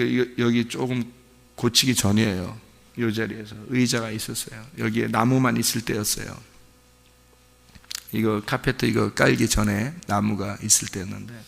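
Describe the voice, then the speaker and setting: A male pastor preaching an impassioned sermon at a dawn church service, swinging between hushed asides and emotional outbursts. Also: on the low side, creaky. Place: church sanctuary. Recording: reverberant church hall.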